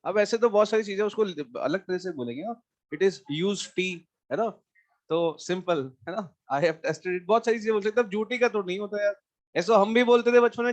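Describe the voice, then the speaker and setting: A man teaching math in a live class, chatting with students and then working through a problem. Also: high-pitched. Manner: mixes Hindi with English math terms, asks students questions.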